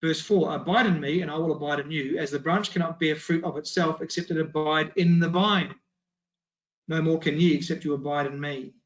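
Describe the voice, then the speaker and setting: A man's voice: on the high side, fairly even intonation, fairly quick. A man delivers a Bible study in a slightly raised register. His delivery is emphatic, built on rhetorical questions and firm answers. The recording sounds dull and lo-fi.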